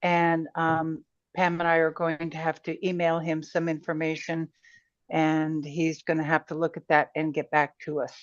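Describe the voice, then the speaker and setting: A woman's voice: low voice, monotone, normal speed. A woman in a planning meeting, heard over a group online voice call, explaining things in a plain, slightly rambling way. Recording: dull lo-fi call audio, dry.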